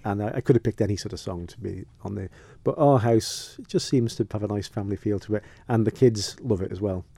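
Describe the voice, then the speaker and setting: Gravelly, mellow middle-aged British man. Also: lowish voice, a little fast, dry recording. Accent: British English. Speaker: studio guest. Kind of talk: casual radio interview chat.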